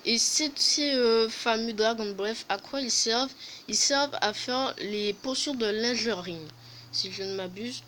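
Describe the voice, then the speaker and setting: A woman's voice: fairly high pitch, a little slow, fairly bright tone, a little hiss or hum, low-quality recording. A woman hosting a casual game update review, hesitant, with many fillers and self-corrections and jokey self-mocking asides. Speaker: gaming video host.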